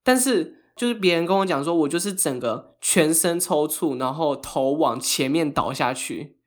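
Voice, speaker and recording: A man's voice: fairly high pitch, expressive, moderate pace. A man co-hosting a podcast, telling a story in casual chat with frequent laughter and English phrases mixed in. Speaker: podcast co-host.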